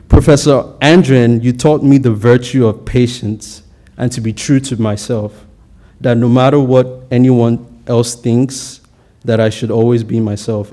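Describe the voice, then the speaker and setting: A man's voice: medium pitch, mellow. A young man giving an earnest, prepared valedictory speech at a college graduation, with occasional stumbles on words.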